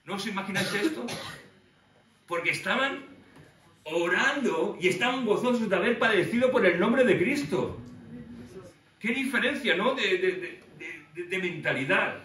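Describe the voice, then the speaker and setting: Preacher in an echoey room. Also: male voice, sits high, normal speed, distant mic. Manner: animated storytelling with acted-out voices. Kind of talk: lively sermon. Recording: echoey room from afar with faint noise.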